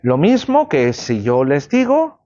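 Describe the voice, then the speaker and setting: Slow and dark in tone, his slightly high voice swoops wildly in pitch. The man is a law lecturer teaching a university class, explaining ideas with everyday examples and checking in with students, all on a dull, lo-fi classroom recording.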